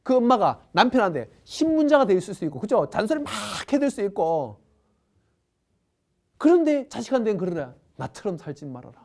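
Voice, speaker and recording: 생동감 넘치는 여성 강연자. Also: female voice, mid-range voice, a little fast. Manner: animated, acts out the people she describes. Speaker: parenting educator, lecturer. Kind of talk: parenting lecture.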